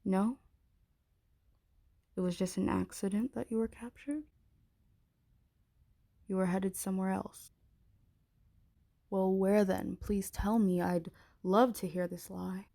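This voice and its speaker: In an intimate ASMR roleplay, a woman plays a haughty, menacing dragon queen, speaking imperiously, tauntingly and deliberately in a mocking mood. Her mid-range voice is steady, creaky and mellow.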